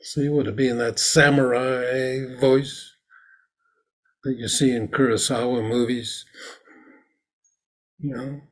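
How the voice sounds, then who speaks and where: Man, Zen teacher, dharma talk, husky, mid pitch, meditation hall. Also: fairly even intonation, takes it slowly, pauses often. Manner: explains ritual plainly, then acts out its lines.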